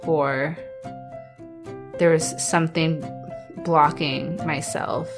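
Over music, a woman in her twenties with a low, steady voice speaks very slowly as an interviewee. She stutters, so there are restarts and repeated sounds, and she's soft-spoken and candid, laughing lightly between thoughts.

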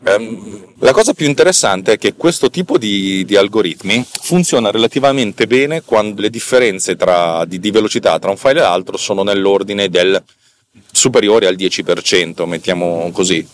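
Sounding like a podcast host walking through technical topics, a man with a fairly low voice speaks informally and colloquially. He halts often, correcting himself mid-sentence, and comes off as unpolished and self-deprecating.

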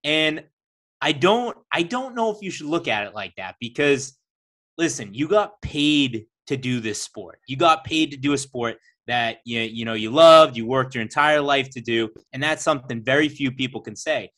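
A man's voice: mid-range voice, lively intonation, normal speed, a bit bright. Guy hosting a podcast, earnest and encouraging, plain voice. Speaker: podcast host. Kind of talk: casual podcast chat.

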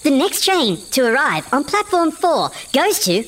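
Woman doing a lyrebird copying a train station announcement, high pitched, ding ding chimes, bouncy up and down. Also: very animated, unhurried, a bit bright, slight background noise, exaggerated voice. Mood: announcing.

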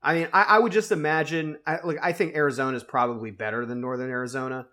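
A man co-hosting a casual sports betting podcast, rambling and animated, with plenty of likes and restarts. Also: medium pitch, quick pace. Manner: rambling and animated, heavy on fillers. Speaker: podcast co-host and betting analyst.

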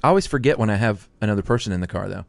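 A man's voice: fairly low pitch, animated, racing, vocal fry, no echo. A man co-hosting a podcast in casual chat, wry and dry, telling stories about driving. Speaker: podcast co-host. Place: lives in Atlanta.

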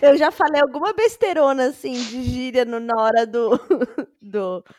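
A woman's voice: sits high, moderate pace, darkish tone. A woman co-hosting a podcast, chatting in a blunt, slangy way full of swearing. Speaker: podcast co-host. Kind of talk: casual chat.

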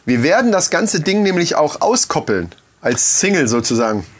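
A man's voice: on the high side, very animated, moderate pace. A man co-hosting a podcast, chatting eagerly and casually. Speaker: podcast co-host. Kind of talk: casual chat.

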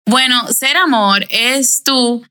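A bright, fairly high voice from a young woman, speaking earnestly over a video call. She reflects in circling, repeated phrases with small restarts. The sound is plain video-call audio. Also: slow pace, clear, resonant tone. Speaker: podcast guest.

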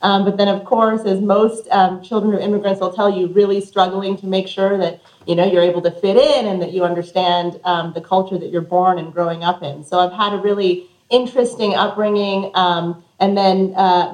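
Reverberant and roughly recorded, this interview features the same kind of speaker: a middle-aged American woman from Colorado who works as a communications executive and gives thoughtful, well-spoken answers. Her voice sits low and sounds a little mellow.

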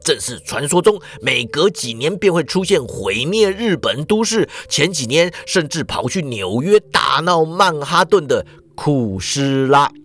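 A man narrating a comic story in a lively way, with drawn-out sentence-ending particles. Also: fairly high pitch.

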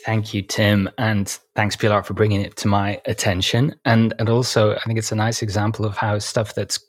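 A man with a throaty, slightly croaky voice, chatting casually as a podcast co-host. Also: fairly low pitch, flat delivery, moderate pace. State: throaty voice since waking.

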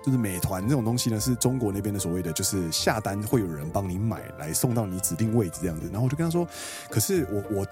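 A Taiwanese man in his thirties with a Taiwanese Mandarin accent, telling a story on a podcast. He talks quickly, his pitch swinging widely as he acts out the people in it. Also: over music. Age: 30s. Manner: animated, quotes people and acts out dialogue. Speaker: podcast co-host. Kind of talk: casual storytelling chat.

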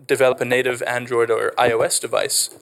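A man's voice: medium pitch, flat delivery, brisk, gravelly, fairly bright tone. A man with a Canadian South African accent, an edtech founder explaining his work in a podcast interview with eager, fluent enthusiasm.

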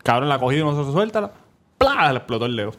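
A man's voice: mid-range voice, very fast, a loud crowd. A man, a father who tells stories in a casual podcast chat and acts out the quotes. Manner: animated storyteller, acts out quotes. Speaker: podcast co-host.

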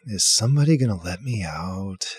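A man game master voicing a young woman who speaks muffled from inside a closed coffin, quiet and weary. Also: deep voice, expressive, moderate pace, husky, no echo, studio quality, exaggerated voice. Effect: muffled, as if through a coffin lid.

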